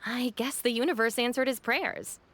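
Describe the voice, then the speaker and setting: An actress playing a dependable young woman gang deputy who speaks in a dry, deadpan way. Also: fairly high pitch, moderate pace. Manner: deadpan and wry. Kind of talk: video game voice acting.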